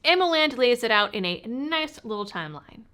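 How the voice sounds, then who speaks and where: A woman with a somewhat high voice presents scripted news commentary to her viewers. Her mouth is stitched from recent oral surgery, so her speech is slightly lispy. She keeps the delivery informal and wry. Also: sing-song, moderate pace, sharp tone. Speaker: host of a gun-rights news channel.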